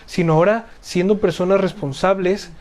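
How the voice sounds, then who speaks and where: An earnest Bible study teacher reads scripture and explains it to a small group. The speaker often repeats key phrases and tags points with rhetorical questions, at an even, moderate pitch. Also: moderate pace.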